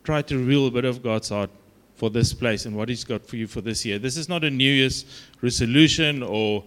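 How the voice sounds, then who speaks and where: A man from South Africa with a broad Afrikaans accent, giving an informal sermon as a guest preacher in a halting, conversational, self-deprecating way. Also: mid-range voice, fairly bright tone.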